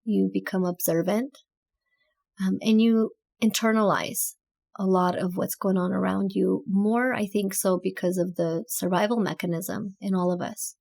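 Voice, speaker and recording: Creaky-voiced woman from Azerbaijan. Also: medium pitch, steady tone, normal speed, darkish tone. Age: 30s. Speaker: podcast guest, author and entrepreneur. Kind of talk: reflective interview storytelling.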